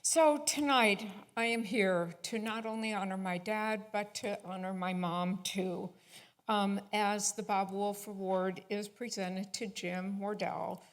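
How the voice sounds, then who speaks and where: A woman giving a tribute speech at a synagogue service while presenting an award, halting with frequent fillers. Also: medium pitch, steady tone.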